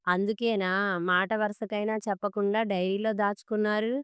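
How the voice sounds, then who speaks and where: A sharp-tongued middle-aged wife needles and scolds with sarcasm in a spoken storybook, voiced by a woman reading the tale. Her voice is very clear and smooth. The sound is dry and close. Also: mid-range voice, little pitch movement, normal speed, no echo, lightly acted. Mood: scolding. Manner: sarcastic and cutting.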